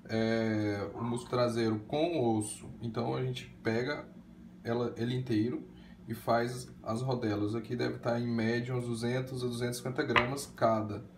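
Um homem que explica com calma um corte de carne e como prepará-lo, numa cozinha de casa. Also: male voice, mid-range voice, moderate pace. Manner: explains calmly, checks in with "certo?". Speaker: husband cooking as guest. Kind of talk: casual cooking demonstration. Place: home kitchen. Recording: echoey kitchen with noise.

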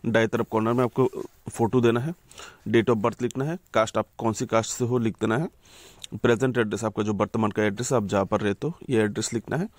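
A man's voice: on the low side, fairly even intonation, quick pace, dry recording. A man hosting a channel, giving an informal voice-over that walks viewers through a job notification, often calling them friends and correcting himself. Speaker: YouTube channel host.

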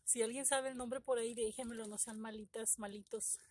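A middle-aged woman, talking excitedly to viewers in a casual unboxing video, her voice trembling with emotion. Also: fairly high pitch, fairly quick, husky. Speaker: gardening vlogger.

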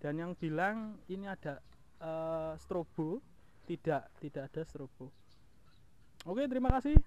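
Here a male motovlog host, his voice on the high side, expressive and darkish, talks at a measured pace while showing off his motorbike. He addresses viewers informally and colloquially from a house yard, recorded on an outdoor action camera with clear background noise.

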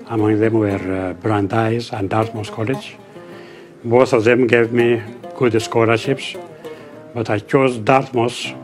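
An older man tells his story slowly and deliberately, pausing often. His voice sits at a middle pitch, and faint music plays underneath. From Sudan. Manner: measured and unhurried, with frequent pauses. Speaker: interviewee. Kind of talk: reflective storytelling. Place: indoors by a window.

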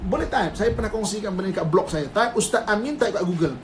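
Animated Malaysian religious teacher, man. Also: high-pitched, fast talker, slight background noise. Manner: animated, mixes English terms, laughs, acts out quoted spouses. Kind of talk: informal religious lecture on a live stream. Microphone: phone live stream.

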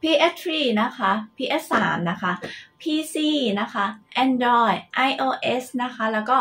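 A woman chatting politely and casually through a game controller unboxing and review, softening nearly every phrase with polite particles. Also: on the high side, a little hiss or hum.

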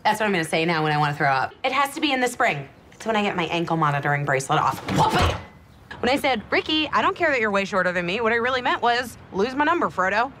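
An actress playing a brash, scatterbrained young party-girl in a sitcom, talking in a loud, bubbly, bragging way. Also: medium pitch, big pitch swings, fast talker, background noise, natural voice. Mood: goofy. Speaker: sitcom character. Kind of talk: sitcom acting.

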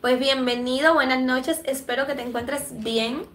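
Cuban woman livestream host, higher voice, affectionate chatter, echoey room, allergy throat-clearing. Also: steady tone, moderate pace, a bit bright. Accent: Cuban Spanish. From Cuba. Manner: chatty and affectionate, many fillers. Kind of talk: casual livestream chat reading comments.

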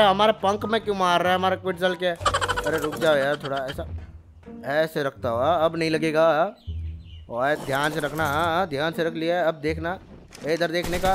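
A man with a fairly high voice calls out gameplay in loud, rowdy commentary. He teases and shouts at the dinosaurs in street slang, with faint music playing under him. He talks into a headset mic at a home setup. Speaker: gaming YouTuber. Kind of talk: excited gameplay commentary with banter.

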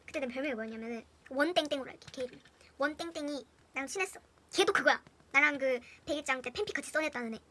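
Fast high-voiced Gyeongsang Korean woman. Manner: animated, laughing, drops to whispers then bursts loud. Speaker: storyteller vlogger. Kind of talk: casual anecdote storytelling to viewers.

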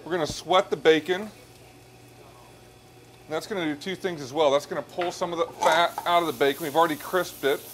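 Cooking a pasta dish by a hot stove in a restaurant kitchen, a chef in his thirties explains each step in a relaxed way. His voice sits on the high side and runs a little fast, with music under it and slight background noise in this cooking demonstration.

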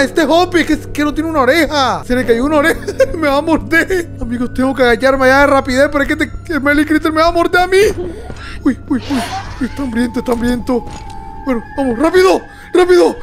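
A man doing let's-play commentary, talking to his viewers excitedly and yelping and laughing at the scares. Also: very high voice. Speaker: gamer. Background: game music.

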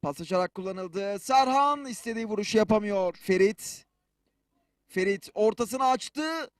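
A man delivers excited play-by-play football commentary. His voice sits extremely high and swings widely, breaking into screaming calls. The phrases are short and clipped, and the sound is dry with no room around it. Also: a little slow, dry recording. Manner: screams on shots and goals; short clipped phrases, calling players by first name.

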